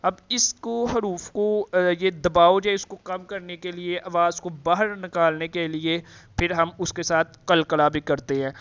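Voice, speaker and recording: A man teaching Quran letter pronunciation, explaining slowly with many fillers and repeating the letter sounds to demonstrate. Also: sits high, fairly even intonation, a bit bright, clean tone, highs cut off. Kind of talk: tajweed lesson with demonstrations.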